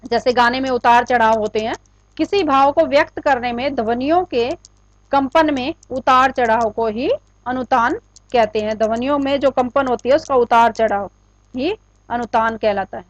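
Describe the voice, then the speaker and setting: High-voiced woman teaching grammar. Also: normal speed, no room sound, lo-fi sound. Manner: explains patiently, asks questions then answers them. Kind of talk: classroom-style grammar lesson.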